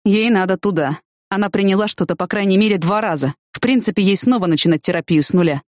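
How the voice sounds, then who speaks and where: A blunt young man with a quick temper talks in a plain, gruff, matter-of-fact way. A woman narrator gives him lines in an audiobook, keeping her voice mid-pitched and recorded dry and close. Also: a little mellow, no echo, close to an everyday voice. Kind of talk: audiobook reading.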